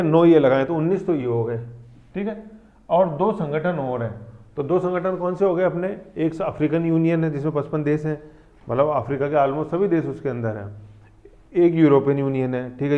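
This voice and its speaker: A man teaching an exam-prep lesson from a map, coaxing the class along with tag questions and counting aloud. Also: fairly high pitch. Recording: muffled lo-fi recording.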